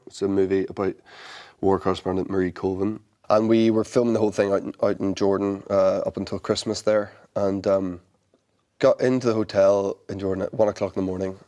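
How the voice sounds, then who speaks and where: A man's voice: on the low side, mellow. A man with a Northern Irish accent, an actor answering interview questions thoughtfully, often restarting and repeating words. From Northern Ireland. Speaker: actor guest. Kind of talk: interview conversation.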